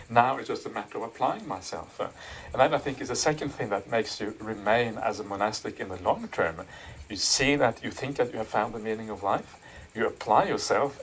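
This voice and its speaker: A middle-aged man from Norway, a Buddhist monk answering interview questions thoughtfully, with many pauses and fillers. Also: mid-range voice, slight background noise, rough recording. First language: Norwegian. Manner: thoughtful, frequent "uh" and "yeah", soft laughs. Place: monastery.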